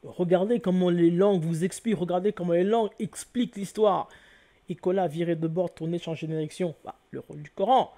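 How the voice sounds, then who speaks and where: A man's voice: high-pitched, brisk, dark tone. A man giving an explanatory lecture to viewers, spelling out letters one by one and often correcting himself. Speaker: lecturer on word origins.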